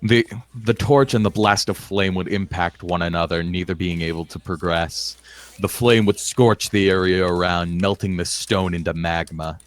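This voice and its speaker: A man narrating a tabletop role-play game as the game master, in a measured way with some restarts. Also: sits low, steady tone.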